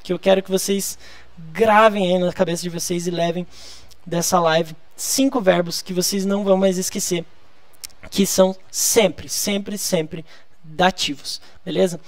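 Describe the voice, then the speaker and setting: A man's voice: sits high, fairly even intonation, unhurried, no room sound. A man from Brazil teaching a live online lesson, explaining patiently and drawing out key words. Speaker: German teacher.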